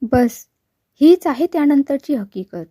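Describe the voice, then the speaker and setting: Storybook: gentle, halting young wife, voiced by a woman, high, dry sound. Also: lively intonation, no room sound. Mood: wistful. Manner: soft, halting, reminiscent. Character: young wife, grieving and wistful.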